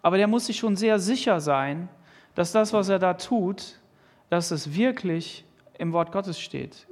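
A man preaching a sermon, earnestly reading and explaining Bible verses and asking pointed questions. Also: high-pitched. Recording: long hall reverb.

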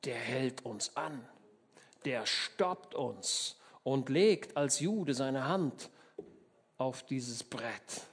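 A German man preaching a sermon, telling the story in a lively way, acting out the people in it and often asking his listeners for agreement. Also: medium pitch, drawn-out words, breathy edge. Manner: lively storytelling, acts out voices, asks the listeners questions.

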